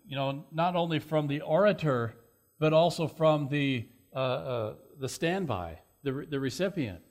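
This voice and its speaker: A man preaching a sermon, earnest and plain-spoken, with fillers, who swells louder and higher to stress points. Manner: earnest, loud rising emphasis with many fillers.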